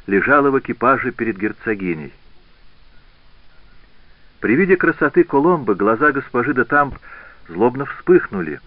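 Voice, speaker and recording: A man narrating a historical novel as an audiobook in a measured, expressive reading. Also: mid-range voice, no echo. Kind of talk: scripted narration. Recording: tinny phone-like band, dry.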